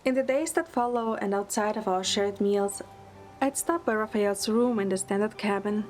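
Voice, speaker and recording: A woman with a natural, darkish, mid-range voice narrates in the first person at a moderate pace as a playful, teasing young heroine in an audio drama. The narration is gentle, with background music running under her voice.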